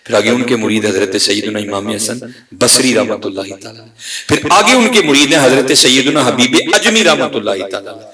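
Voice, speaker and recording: A male preacher giving an impassioned sermon, swinging from loud to hushed. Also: mid-range voice, animated, a crowd in the background. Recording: echoey hall from far off.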